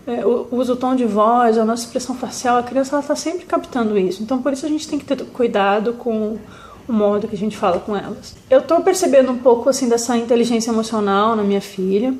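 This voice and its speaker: A young woman with a Brazilian Portuguese accent, a mother sharing parenting advice in a gentle, reflective way, with fillers and restarts. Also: fairly high pitch, quick pace, a little hiss or hum. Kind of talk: casual talk to camera. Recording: echoey room.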